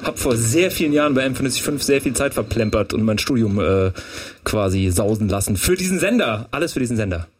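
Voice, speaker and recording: A man's voice: mid-range voice, expressive, fast talker, breathy edge. A man guesting on a radio show, rambling and self-deprecating. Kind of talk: casual radio interview.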